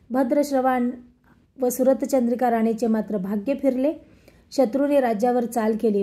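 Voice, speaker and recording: A woman narrating a devotional story in a measured, steady storytelling manner. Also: fairly high pitch.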